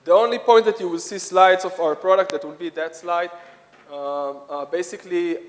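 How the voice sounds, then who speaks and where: A software product lead with an Israeli accent presents to a conference audience, his somewhat high voice wrapped in long hall reverb. His intonation is fairly even, and he speaks haltingly, hesitating often and restarting phrases.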